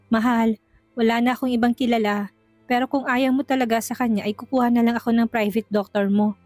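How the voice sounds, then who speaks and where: A woman reading the lines of a loving, tearful young husband in a gentle, soothing way, with soft music behind. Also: fairly high pitch, steady tone, fairly quick, dry recording, close to an everyday voice. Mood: tender.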